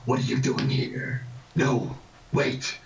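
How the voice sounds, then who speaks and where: A man voicing a colossal, weakened male dragon god, who speaks gravely. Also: mid-range voice, little pitch movement, takes it slowly, lightly acted. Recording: distant mic.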